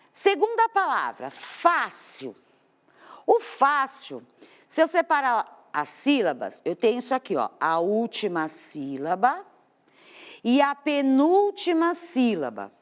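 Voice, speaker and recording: Brazilian woman, studio teacher, high and lively, asks the class questions as she explains. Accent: Brazilian Portuguese. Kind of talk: televised classroom lesson. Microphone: studio microphone.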